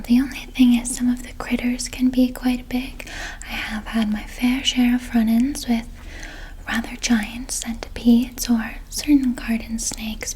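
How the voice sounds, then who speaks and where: Whispered role-play: woman as nurturing flower fairy, soft breathy whisper, soothing, slow delivery, fairly high. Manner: soothing, unhurried. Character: gentle nurturing flower fairy befriending a newcomer.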